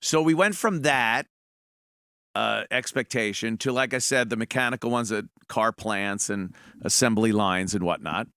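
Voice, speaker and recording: A man's voice: lowish voice, moderate pace, fairly bright tone, clear, resonant tone, no room sound, clean studio sound. A man hosting a show, rambling with sarcastic asides. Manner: rambling, sarcastic, frequent fillers. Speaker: show host. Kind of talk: casual commentary.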